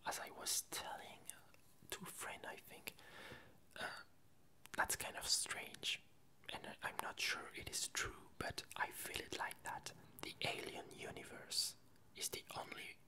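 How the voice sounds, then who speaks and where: Whispering breathily without voicing, an ASMR creator chats casually, rambling and halting and often correcting herself. The tone is sharp.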